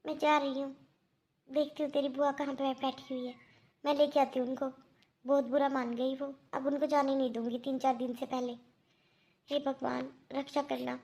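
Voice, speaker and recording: A woman voicing a middle-aged mother-in-law who speaks quietly and apologetically in a cartoon. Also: sits high.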